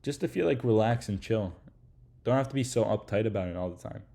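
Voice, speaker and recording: A man giving casual, slangy advice to aspiring creators in a relaxed lecture, swearing now and then and tossing in "like" and "right?". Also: fairly low pitch, fairly quick, creaky. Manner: laid-back, slangy, swears casually, peppers speech with "like" and "right?".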